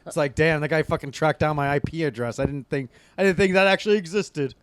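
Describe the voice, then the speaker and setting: A man's voice: on the high side, fast talker, no room sound. A young man co-hosting a podcast, riffing in profane, sarcastic banter. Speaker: podcast co-host. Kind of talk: casual crude banter.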